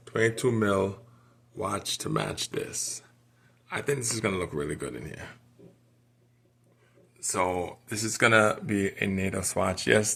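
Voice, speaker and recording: A man's voice: fairly low pitch, gravelly, fairly bright tone. A man casually talking through a hands-on watch strap demonstration, rambling as he works. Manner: rambling, talks while working with his hands.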